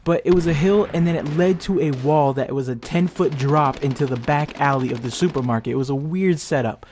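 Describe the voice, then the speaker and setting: A young man casually telling a rambling, profane, animated story full of restarts and fillers. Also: on the high side, fairly quick, slight background noise. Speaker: channel creator.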